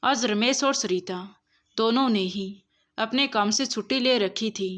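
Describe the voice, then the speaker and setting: A woman's voice: on the high side, a little slow, fairly bright tone. Woman narrating a moral story.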